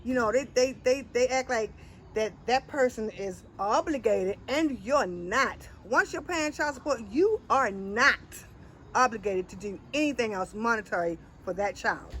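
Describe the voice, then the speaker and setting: Animated woman hosting a casual chat. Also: on the high side, slight background noise, poor audio. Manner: animated, laughs often, drawn-out playful asides. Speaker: host.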